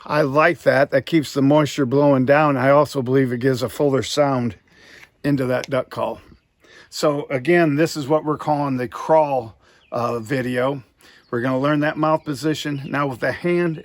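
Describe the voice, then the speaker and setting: A man's voice: medium pitch, fairly even intonation, normal speed, no echo. A man teaching step by step in an informal, folksy, explanatory way, like an instructor demonstrating a technique. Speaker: duck calling instructor.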